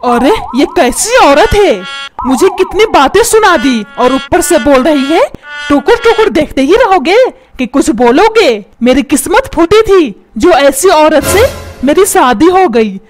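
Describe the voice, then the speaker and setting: A woman doing a grumpy shouting cartoon father. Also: sits high, big pitch swings, unhurried, faint music behind. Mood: scolding. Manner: shouts and scolds, calls names. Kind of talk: comedy cartoon dubbing.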